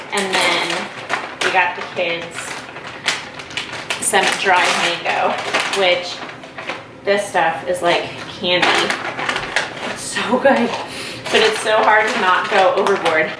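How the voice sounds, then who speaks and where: A woman's voice: mid-range voice, steady tone, takes it slowly, pauses often, heavy background noise. A young pregnant woman chatting casually and upbeat as a vlogger at home, with lots of fillers and asides. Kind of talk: casual haul vlog chat.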